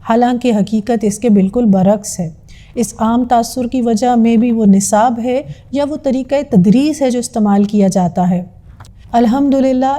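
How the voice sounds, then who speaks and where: A woman's voice: on the high side, dark tone. A woman giving a formal, earnest scripted narration introducing a religious studies course. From Pakistan.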